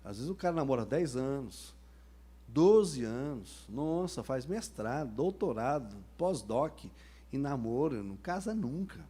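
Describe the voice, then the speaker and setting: A man's voice: mid-range voice, expressive, moderate pace, dark tone, breathy edge. A man, a pastor preaching a sermon in a humorous, colloquial storytelling manner.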